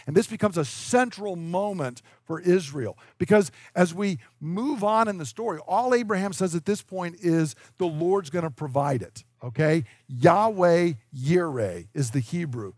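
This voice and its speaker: A man preaching a sermon as pastor, earnest, slowing down for emphasis and acting out the dialogue he quotes. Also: fairly high pitch, no echo, studio quality.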